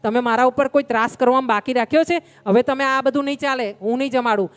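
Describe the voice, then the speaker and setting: A woman's voice: high-pitched, fast talker, in a large hall, close to an everyday voice. A woman voicing an overworked housewife who scolds her husband in an indignant, complaining way.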